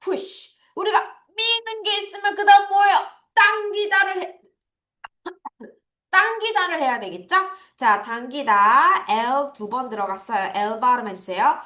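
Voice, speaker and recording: A woman's voice: high-pitched, a little slow, sharp tone, echoey room. A woman teaching English vocabulary to children in a recorded online lesson, drilling pronunciation with repeat-after-me calls.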